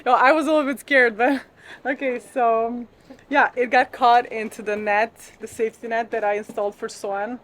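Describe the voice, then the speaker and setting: A woman's voice: a little high, steady tone, moderate pace, fairly bright tone. A woman in her thirties with a continental European accent, chatting casually for a sailing vlog. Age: 30s. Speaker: sailing vlogger. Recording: noisy on-board boat recording.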